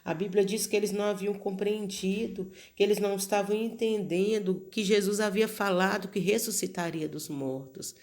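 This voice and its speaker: A woman's voice: mid-range voice, fairly even intonation, moderate pace, few pauses, a little mellow. A woman with a Brazilian Portuguese accent preaching a sermon, earnest and repetitive, often calling her listeners beloved.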